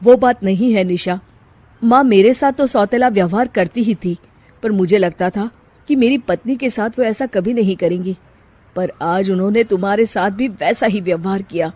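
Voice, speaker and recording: A woman voicing a patient, meek young husband who speaks softly and calmly, for a cartoon. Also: mid-range voice, normal speed, natural voice. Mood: gentle. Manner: soft, calming.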